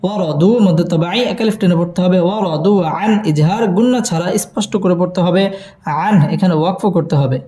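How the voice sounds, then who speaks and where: A man teaching Quran recitation with tajweed, spelling syllables slowly and chanting verses in a drawn-out melodic style. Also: high-pitched, mellow, reverberant.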